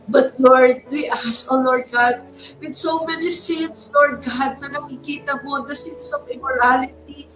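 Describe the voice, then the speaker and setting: High-voiced Filipino woman leading fervent prayer. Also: fairly even intonation, measured pace, a bit bright. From Philippines. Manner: repeats "Lord God" between phrases, mixes two languages. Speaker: prayer leader. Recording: distant mic with music underneath.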